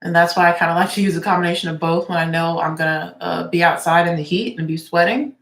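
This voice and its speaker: This beauty vlogger and teacher talks fast, her lowish, fairly bright voice steady in tone despite sounding stuffy and congested. She's a young woman chatting and rambling casually as she applies makeup for a get-ready-with-me video, recorded in an echoey room.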